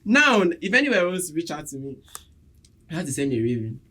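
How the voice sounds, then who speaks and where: Chatty young Nigerian man, excitable banter. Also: a little high, quick pace, noisy background. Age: young adult. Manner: excitable, joking, talkative. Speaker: podcast co-host. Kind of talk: casual podcast chat.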